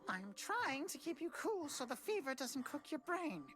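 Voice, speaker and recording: A bright, high little goblin lady. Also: big pitch swings, normal speed, soft background music. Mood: wistful. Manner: snappish, then soothing. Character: small wary female goblin, caring and prickly. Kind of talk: animated series voice acting.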